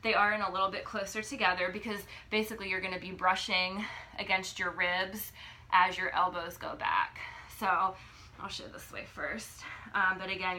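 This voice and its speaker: A woman in her thirties giving a casual, halting exercise demonstration as a fitness coach, often checking in as she instructs. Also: fairly low pitch, sharp tone. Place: living room, indoors. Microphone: phone or camera a few feet away. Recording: noisy home video, phone mic.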